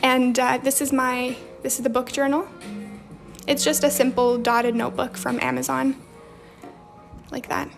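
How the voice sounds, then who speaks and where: A young woman hosting a journaling livestream chats casually in a slight Romanian accent, reading and answering viewer comments. Her high-pitched voice is gravelly and level, delivered at a measured pace. Faint music plays behind her.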